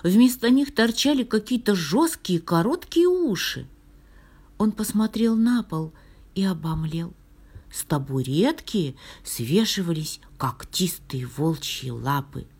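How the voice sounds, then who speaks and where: A woman reading a fairy tale aloud in a soft, half-whispered, expressive storytelling voice. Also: lowish voice, slow pace, slightly rough.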